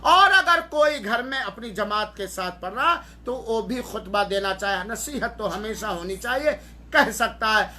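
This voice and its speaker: Bright-voiced man teaching prayer steps. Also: very high-pitched. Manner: measured, explanatory, step by step. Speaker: religious teacher. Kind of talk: instructional religious talk.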